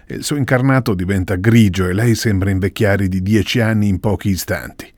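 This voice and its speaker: A man reading a literary passage aloud with a lively pitch, slowing on key phrases. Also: no room sound. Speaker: reader.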